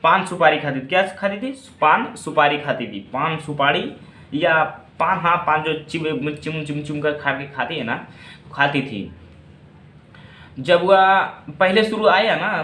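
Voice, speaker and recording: A male tutor walks students through a story in casual classroom style. He keeps posing quick questions and answering them himself. His slightly high voice rings in a roomy space. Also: a bit bright.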